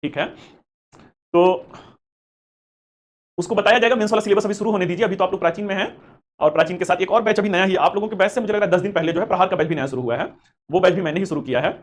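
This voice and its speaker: A male history teacher runs a live class for exam aspirants, talking at a rapid clip in a fairly high voice. He is encouraging and chatty and calls his students beta. He slips English phrases into his explanations. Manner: mixes Hindi with English terms. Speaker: history teacher for civil service exam coaching. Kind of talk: live online class with chat questions.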